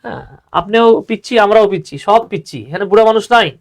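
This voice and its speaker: A young man with a high-pitched voice talks fast while teaching English grammar online. His style is chatty and affirming, with frequent "হ্যাঁ" and English terms woven into Bengali.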